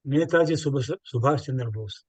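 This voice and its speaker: A man's voice: mid-range voice, fairly quick, no echo. Older South Indian man, expansive talker. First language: Telugu. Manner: expansive, explanatory, emphatic repetition. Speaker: interview guest. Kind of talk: reflective interview talk with anecdotes.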